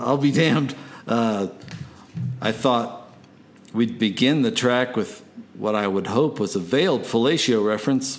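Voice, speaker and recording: A man working as a late-night radio DJ, rambling between songs in a folksy, theatrical and profane way. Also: mid-range voice.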